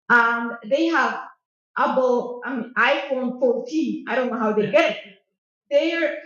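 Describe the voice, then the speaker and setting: A woman from Minnesota speaking from the audience at a panel discussion, earnest and rambling, with many restarts. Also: a little high. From USA (Minnesota). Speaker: audience member. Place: lounge at a press club, indoors. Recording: echoey room, dull sound.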